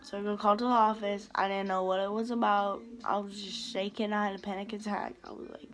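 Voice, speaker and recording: A woman's voice: mid-range voice, little pitch movement, fast talker, poor audio. Rambling teenage girl, storytime vlog. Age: teens. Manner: rambling, heavy "like" fillers, frequent swearing. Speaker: vlogger.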